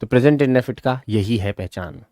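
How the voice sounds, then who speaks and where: A man teaching English grammar in an explanatory lesson. He keeps checking that his listeners follow, calls them child, and repeats example sentences slowly. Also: medium pitch, mellow, no echo, clean studio sound.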